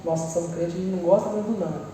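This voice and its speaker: A woman with a Brazilian accent preaching a lively sermon and acting out people's prayers with humorous asides. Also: fairly low pitch, rapid-fire, slight background noise. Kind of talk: church sermon. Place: large church hall. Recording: echoey church hall, mic far off.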